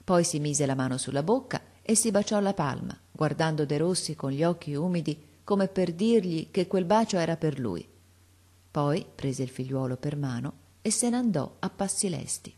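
A woman reads a classic children's novel aloud with a calm, measured storytelling manner. Her voice is low for a woman and gentle throughout. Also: slightly rough. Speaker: audiobook narrator.

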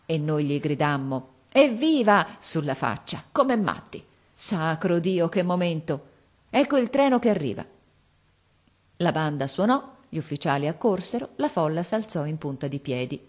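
A woman narrating a classic novel as an audiobook, with measured, expressive storytelling. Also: sits low.

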